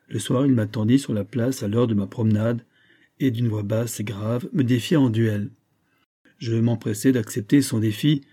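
A man's voice: fairly low pitch, dark tone, natural voice. A man reading the part of a grieving old gunsmith who confides his sorrow in an emotional, storytelling way. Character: grieving old Genevan gunsmith, tender, despairing.

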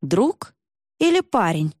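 A woman's voice: mid-range voice, takes it slowly, breathy edge, no echo, studio quality, exaggerated voice. A woman voicing a bold, cheeky young woman archer who talks brashly and jokes a lot. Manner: brash, excited, joking.

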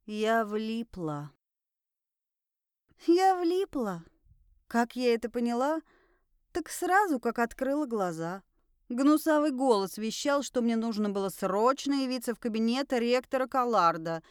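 A woman narrating a first-person audiobook with a lively, ironic reading and voiced asides, close to a studio microphone. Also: fairly high pitch, moderate pace, smooth, dry recording.

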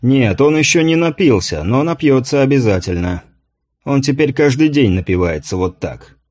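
A man narrates an audiobook from a script, telling the story in a steady manner. His voice is medium in pitch and moves at a normal speed.

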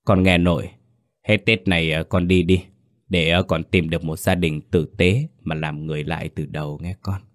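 A man's voice: low-pitched, fairly even intonation, normal speed, no room sound, lightly acted. A man voicing a frail, grieving old grandfather who pleads and soothes. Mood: tender. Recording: dry voice with faint music.

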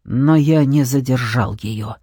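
A reader voicing a menacing male shadow mage with a cold, hissing, low and rough voice. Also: takes it slowly, mellow, no room sound, clean studio sound. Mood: sneering. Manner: cold, sneering. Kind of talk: audiobook reading.

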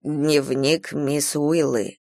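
A calm young man with a lowered, hushed voice and an easy, teasing way of talking, as a woman narrator voices him. The reading is close and dry, with no room sound. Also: very slow, creaky, dry recording, exaggerated voice.

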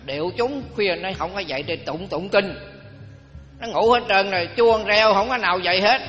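A man's voice: sits high, moderate pace, a bit bright. An older male Buddhist monk, giving a dharma talk in a folksy, humorous storytelling way. His voice rings with long hall reverb and faint music behind.

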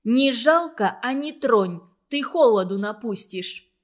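Tosya, a shrill bossy schoolgirl, as a woman reader puts her on. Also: lively intonation, slow pace. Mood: indignant. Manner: loud, shouting, protesting.

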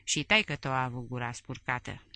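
A woman's voice: rumbling low, bright, forceful tone, pitched below the performer's own voice, full character voice. A woman voicing an aging male head of state who barks orders and rants indignantly. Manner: barking, indignant.

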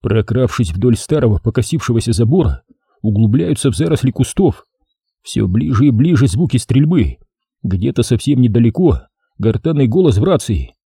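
Dark husky male audiobook narrator. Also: medium pitch, sing-song, normal speed, no echo, studio quality. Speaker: audiobook reader.

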